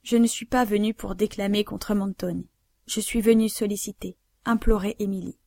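A woman's voice: mid-range voice, fairly even intonation, normal speed, vocal fry, darkish tone, dry recording. A woman voicing a desperate nobleman in love, urgent and imploring, in a read-aloud story. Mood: vehement.

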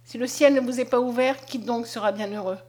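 A woman's voice: on the high side, fairly even intonation, a little fast, darkish tone, lightly acted. A woman reading the lines of a humble, grateful young woman in a storybook, in an earnest, emotional way.

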